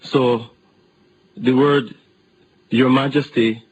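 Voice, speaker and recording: A man's voice: mid-range voice, steady tone, very slow, muffled recording, slight background noise. A man from Barbados, a guest on a radio interview, who talks hesitantly and repeats words.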